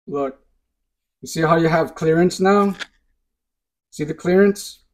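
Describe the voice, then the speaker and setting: A man with a fairly high voice talks through a close-up demonstration at his workbench indoors. He keeps pointing things out with short, insistent prompts to look and see. The sound is picked up by a camera mic close to his hands. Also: slow, poor audio. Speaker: RC hobby channel host.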